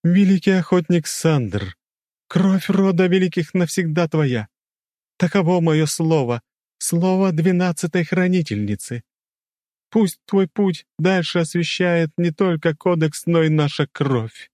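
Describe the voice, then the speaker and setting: A man voicing the ghost of an old clan matriarch, speaking slowly and without emotion, in lofty measured phrases. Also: a little high, no room sound, studio quality, pitched above the performer's own voice, natural voice. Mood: solemn. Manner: flat, emotionless, like a recording; slow, measured, lofty pronouncements. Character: ancient female ghost, solemn clan matriarch. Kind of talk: audiobook character voice.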